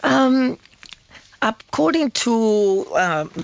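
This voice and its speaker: Slow, halting woman in her sixties. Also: fairly high pitch, animated, gravelly, lo-fi sound. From Chile. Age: 60s. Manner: halting, searching for words. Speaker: guest. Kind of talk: casual interview talk.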